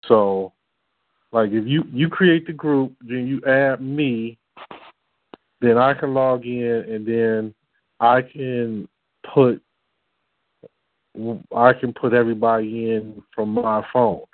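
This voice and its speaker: Slow-talking man over a tinny phone line. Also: medium pitch, steady tone, no room sound. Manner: hesitant, full of fillers and restarts. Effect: heard over a phone line.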